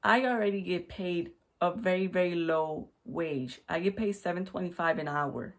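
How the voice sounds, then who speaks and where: A woman's voice: lowish voice, normal speed. A woman vlogger retelling a work story to camera, emphatic and repetitive with frequent restarts, recorded at home on a USB desk mic. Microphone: USB desk microphone.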